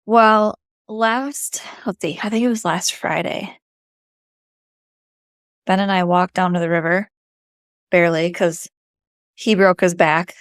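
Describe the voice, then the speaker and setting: A woman's voice: lowish voice, steady tone, measured pace, pauses often, dry recording, clean studio sound. Chatty woman with a Yooper accent. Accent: Upper Michigan Yooper. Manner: chatty, informal, emphatic. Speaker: vlogger. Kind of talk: casual personal storytelling.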